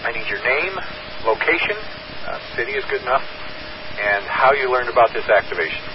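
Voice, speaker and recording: A man's voice: mid-range voice, lively intonation, fairly quick. A man running a radio net as net control, taking check-ins in a methodical, procedural way over a radio channel with static. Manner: procedural, methodical call-and-response phrasing. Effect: radio transmission with static. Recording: muffled radio with heavy static.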